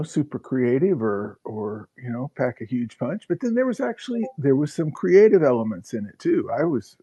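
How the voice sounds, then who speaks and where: Hesitant man with a lively, husky voice. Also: medium pitch. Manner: hesitant, restarting phrases. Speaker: panelist. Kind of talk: casual chat.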